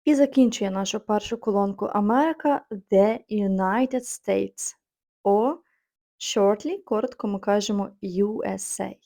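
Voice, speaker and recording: A woman's voice: medium pitch, unhurried, gravelly, mellow. A woman from Ukraine teaching English online, reading each word carefully and repeating it for her learners. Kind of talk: online language lesson.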